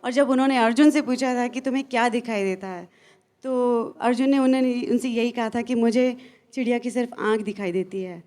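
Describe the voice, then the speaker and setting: A woman's voice: on the high side, steady tone, brisk, a little mellow. Earnest woman giving a stage talk. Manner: earnest, with hesitant fillers and restarts. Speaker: motivational speaker.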